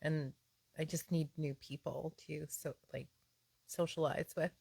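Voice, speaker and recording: A woman's voice: deep voice, steady tone, measured pace, creaky, darkish tone, breathy edge, no room sound. A woman co-hosting a casual home podcast, chatting and teasing her husband in a rambling way. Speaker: podcast co-host. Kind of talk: casual couple banter. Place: at home on a Sunday.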